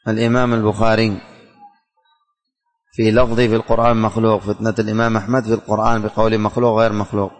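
A man teaching a religious lesson in a classroom, speaking slowly and deliberately, repeating lines for students to write down and quizzing them. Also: fairly low pitch, little pitch movement. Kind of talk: classroom lesson dictating and explaining verses. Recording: long hall reverb, faint music.

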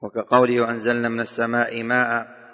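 A male teacher giving a Quran commentary lesson. He dictates to his students, repeats key points and recites verses slowly between his explanations. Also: medium pitch, completely flat delivery, a bit bright. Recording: dull echoing hall recording.

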